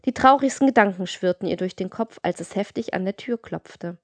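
A woman narrating a classic novel in a measured, expressive audiobook reading. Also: mid-range voice, dry recording.

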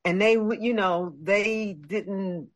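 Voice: medium pitch, takes it slowly. A speaker in a casual chat, animatedly retelling conversations with friends.

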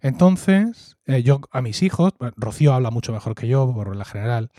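Speaking with a Murcian accent, this Spanish man from Murcia co-hosts a podcast, reminiscing fondly and reflectively in relaxed talk and frequently tagging phrases with "¿no?". He sounds animated and brisk, with a warm, medium-pitched voice. Clean studio sound, no room sound.

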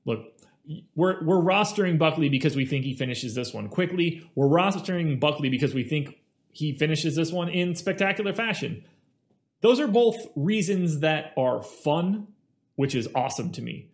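A man's voice: fairly high pitch, lively intonation, moderate pace. A man hosting a fantasy sports picks show, talking through stats and rankings in a casual, conversational presenter style. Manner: casual, conversational, stat-heavy delivery.

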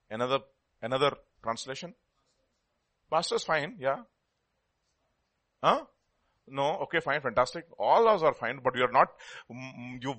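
A man with a South Indian Telugu accent delivers a sermon in a somewhat high voice. He teaches as he preaches, repeating key words for emphasis and asking rhetorical questions of his listeners. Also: sharp tone.

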